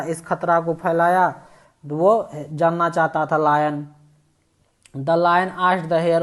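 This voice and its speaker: Brief: unhurried lesson narrator, monotone, reads a line and then explains it. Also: medium pitch. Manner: slow, line-by-line reading, repeats and restarts. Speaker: teacher. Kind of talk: reading an English story and explaining it in Hindi.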